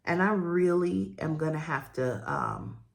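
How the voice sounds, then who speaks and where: A woman chatting casually while doing her makeup for viewers, rambling and friendly, with a croaky morning voice. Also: low-pitched, wildly swooping pitch, unhurried. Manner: chatty, rambling, warm sign-offs to viewers. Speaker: beauty vlogger and host. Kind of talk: chatty get-ready-with-me talk.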